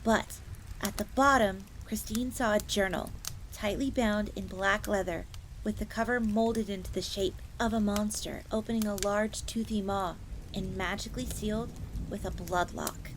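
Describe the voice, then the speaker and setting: A woman with a mid-range, steady voice plays a chatty, deferential fox maid in a fantasy audio roleplay, speaking at normal speed with light acting. The character refers to herself in the third person and explains things informally. The recording is clear, with a crackling fire in the background.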